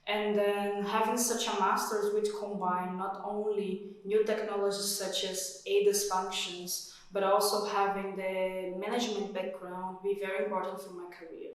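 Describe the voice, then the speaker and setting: A woman's voice: medium pitch, flat delivery, normal speed, hardly any pauses. A woman in her thirties from Brazil, an automotive engineer, speaking matter-of-factly indoors. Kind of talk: testimonial interview. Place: indoor room with poster. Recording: very echoey room, distant mic.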